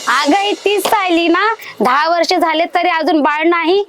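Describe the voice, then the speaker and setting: Very high-voiced gossiping woman. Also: unhurried. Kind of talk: Marathi village serial acting. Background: loud background music.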